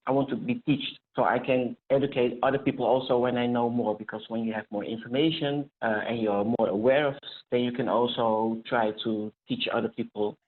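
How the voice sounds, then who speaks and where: A man's voice: medium pitch, steady tone, fairly quick, few pauses. A man, speaking hesitantly with frequent restarts on a video call. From Netherlands. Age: 40s. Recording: tinny phone-like call audio.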